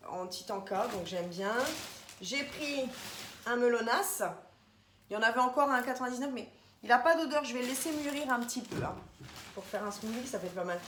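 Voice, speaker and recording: A woman's voice: on the high side, a little fast, a bit bright. A woman chatting casually through a grocery haul vlog, rambling and addressing viewers directly. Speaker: vlogger. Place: home, indoors. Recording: echoey room, faint background noise.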